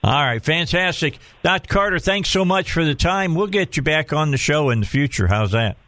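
A man's voice: a little high, expressive, normal speed, a bit bright, no room sound. A man hosting a talk radio show in an informal, folksy way, often repeating phrases for emphasis.

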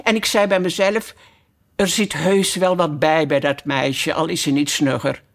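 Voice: mid-range voice, fairly even intonation, unhurried, vocal fry. A storyteller voicing a prim, condescending female rose who speaks sternly and patronizingly.

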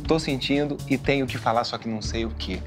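A man co-hosting a talk show, telling personal stories in a lively way. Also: mid-range voice, fast, soft background music. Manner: lively, animated storyteller.

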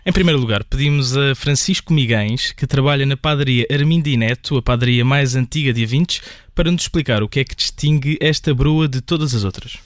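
Man, radio reporter, measured, dry studio. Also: medium pitch, no echo. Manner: measured, reads narration.

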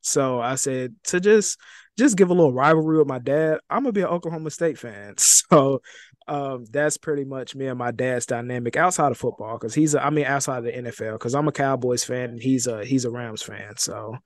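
A man's voice: medium pitch, fairly quick, no echo, clean studio sound. A young man from Texas, co-hosting a sports podcast in an easygoing way, often repeating words. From Dallas, Texas. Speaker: assistant sports editor, co-host. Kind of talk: casual sports podcast chat.

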